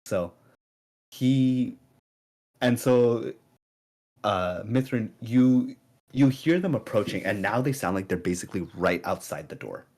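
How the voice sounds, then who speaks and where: A young man narrating as game master of a tabletop game, casual and halting with many fillers. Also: medium pitch, animated, darkish tone.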